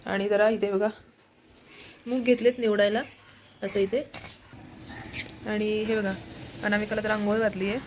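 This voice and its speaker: Indoors at home, a family vlogger roams with her handheld phone, chatting informally and showing viewers what she's up to. Her level, medium-pitched voice moves at a moderate pace with many pauses, against a noisy background.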